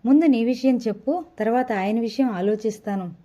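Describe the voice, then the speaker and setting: A woman's voice: on the high side, brisk, warm tone, lo-fi sound, natural voice. A woman reading the part of a kindly woman doctor who explains things patiently and reassuringly.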